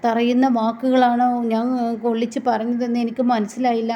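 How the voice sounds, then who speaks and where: Woman playing a teary young sister, soft apologies, highish mellow voice, muffled lo-fi. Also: flat delivery, fairly quick, slight background noise, natural voice. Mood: tearful sorry. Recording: dull lo-fi recording.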